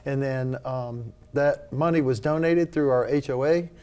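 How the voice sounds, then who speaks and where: A man's voice: mid-range voice, unhurried, darkish tone, clean tone. A man speaking as a charity leader and interview guest, informal and earnest. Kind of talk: casual spoken interview.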